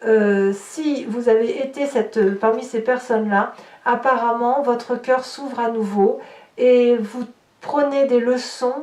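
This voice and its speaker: A woman whose voice is slightly high and a bit mellow offers an improvised tarot reading straight to her listeners. A tarot reader and horoscope host, she explains along the way and searches aloud for words, recorded from afar in a roomy, echoing space.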